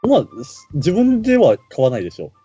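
A man's voice: high voice, huge pitch swings, brisk, dark tone, slightly rough, lo-fi sound, soft background music. A man, a podcast guest, chatting politely and laughing often in casual talk.

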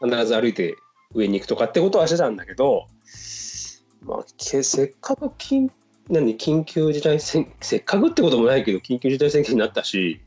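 Male chat host, mid pitch, very varied intonation, curious and responsive, light music behind. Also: big pitch swings, fairly quick, a little mellow. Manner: inquisitive, responsive. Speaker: conversation host. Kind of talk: casual chat.

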